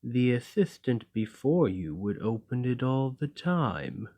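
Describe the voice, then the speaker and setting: In an ASMR roleplay, a man voices a gentle, lonely golem, speaking formally, courteously and at a measured pace. His mid-range voice is sing-song, with a measured, coaxing mood.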